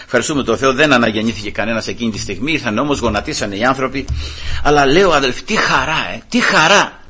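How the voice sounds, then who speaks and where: A middle-aged man from the Peloponnese preaching a sermon in church, telling his own story as an animated storyteller who keeps turning to address the congregation. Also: medium pitch, breathy edge. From Greece, Peloponnese. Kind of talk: sermon with personal testimony.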